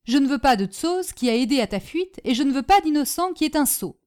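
A domineering old aunt snaps out orders and mockery, voiced by a woman reading a storybook. Her voice sits high and pushes loud. She sounds scornful and sure of her own power. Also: lively intonation, a little fast. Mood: stern. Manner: sharp, mocking, commanding. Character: domineering stubborn older aunt, scornful and scolding.

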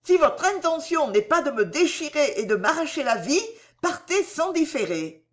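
Woman doing a delirious young lady, storybook reading, raised bright exclamations, wide pitch swings. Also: animated, moderate pace. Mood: frightened. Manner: sharp, high-pitched exclamations.

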